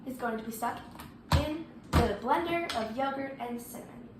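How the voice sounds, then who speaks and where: High voiced woman doing a casual baking how-to, kinda halting short instructions, roomy echo and noisy recording. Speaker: home baking presenter. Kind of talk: casual step-by-step cooking tutorial.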